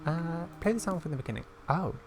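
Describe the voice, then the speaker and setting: A woman with a low, expressive voice talks quickly as a gaming video creator, exclaiming, reading game dialogue aloud and addressing the characters on screen in chatty let's-play commentary. Soft music plays behind her, and the background noise is clear game ambience.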